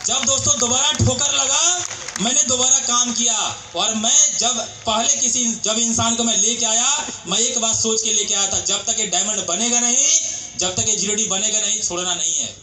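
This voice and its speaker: A man with a Bihari Hindi accent giving a loud, animated motivational speech from a stage and calling out to the crowd. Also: very high voice, slight background noise. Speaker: motivational speaker. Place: event stage in a hall. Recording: echoey hall.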